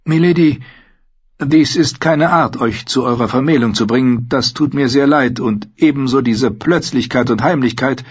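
A man voicing a courteous, rueful nobleman in an audiobook, formal and measured in his speech. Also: medium pitch, slightly rough, muffled recording, pitched above the performer's own voice, lightly acted. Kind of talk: audiobook character voice.

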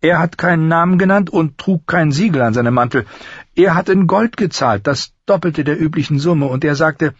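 A man's voice: fairly high pitch, normal speed, husky, dry recording, highs cut off, voice pushed up. A man voicing a stubborn middle-aged male master armorer in an audiobook, defensive and insistent.

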